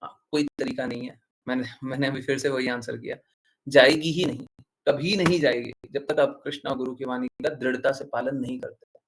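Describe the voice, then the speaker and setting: A man's voice: medium pitch, level tone, fairly quick, rough recording. A man acting as spiritual teacher, answering devotees' questions in a devotional class, emphatic and repetitive and fond of rhetorical questions.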